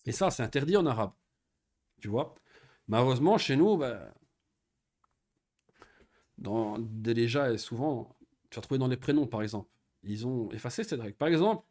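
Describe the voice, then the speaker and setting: In a private Arabic grammar session, a man with a slightly mellow mid-range voice breaks things down step by step, pronounces the Arabic slowly, and keeps asking whether his student is with him.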